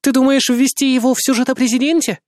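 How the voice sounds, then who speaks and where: A man reading an audiobook voices a frightened young woman TV colleague, raising his voice high and tense. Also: flat delivery, quick pace, a little mellow, dry recording, studio quality. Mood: earnest. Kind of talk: audiobook character voice.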